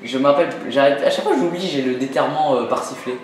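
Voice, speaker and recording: A man's voice: mid-range voice, fast talker. A man giving casual, self-mocking commentary while playing a video game, with lots of fillers. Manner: joking, self-mocking, many fillers, laughs often. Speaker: let's play host. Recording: very echoey room with game music.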